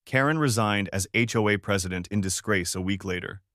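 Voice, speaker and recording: A man with a low voice narrates a first-person story at a measured, even pace. The recording is very dry and close, with no room sound at all. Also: dry recording.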